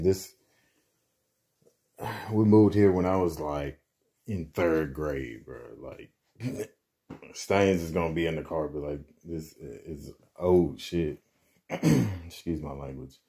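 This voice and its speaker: A young man with a very deep, dark voice chats slowly and loosely to his camera in his apartment. He rambles with slang and restarts, slightly out of breath from hauling furniture. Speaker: vlogger. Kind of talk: casual vlog chat. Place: apartment bedroom, indoors.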